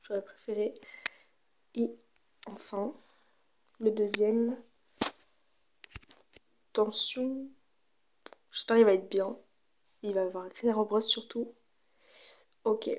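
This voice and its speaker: A woman's voice: fairly high pitch, fairly even intonation, slow, long pauses, warm tone. A woman giving casual, chatty gameplay commentary, thinking aloud as she goes. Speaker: gaming video creator.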